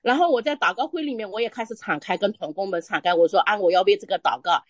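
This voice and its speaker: A woman telling a personal faith testimony in conversation, earnest and halting, restarting her phrases often. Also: mid-range voice, no room sound. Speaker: church member sharing testimony.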